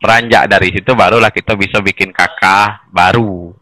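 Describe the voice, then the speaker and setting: Guest speaker, man, bright voice, dry close recording; lively explainer who chuckles and restarts. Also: on the low side, fairly quick, no echo, poor audio. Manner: animated, chuckles between points, restarts mid-sentence. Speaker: guest explaining village data administration. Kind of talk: casual explanatory conversation.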